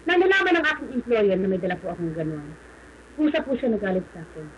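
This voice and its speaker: A woman's voice: mid-range voice, sing-song, fast, slight background noise. Earnest woman on a muffled radio stream. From Philippines. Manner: earnest, polite, mixes English into her talk. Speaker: radio guest sharing a testimony. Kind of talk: personal testimony on radio.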